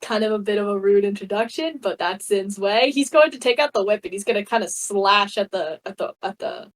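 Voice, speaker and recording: A woman's voice: mid-range voice, a little fast. A woman playing in a tabletop role-play, talking hesitantly and saying like a lot. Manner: hesitant, lots of like. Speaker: player. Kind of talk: casual chat at a tabletop game.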